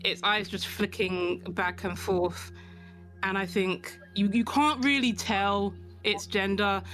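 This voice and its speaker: A woman's voice: medium pitch, fairly even intonation, slow pace, a bit bright, soft background music. A woman playing a tabletop game, casually narrating what her character does.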